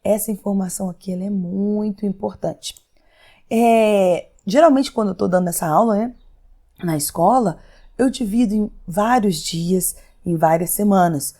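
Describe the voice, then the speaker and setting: A Brazilian woman teaching a recorded English grammar lesson, patiently walking through the rules step by step and voicing the questions her students might ask. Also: moderate pace. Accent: Brazilian Portuguese. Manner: lively, swings her pitch up and down for emphasis.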